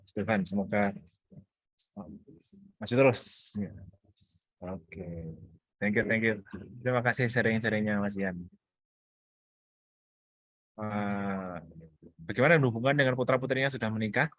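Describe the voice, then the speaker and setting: A man with a lowish voice moderates a group video call, thanking speakers briefly and passing the turn along. The sound is dry, with no room around it. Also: fairly bright tone, no echo, rough recording. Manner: brief affirmations, quick handoffs. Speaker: group facilitator. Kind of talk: casual moderating.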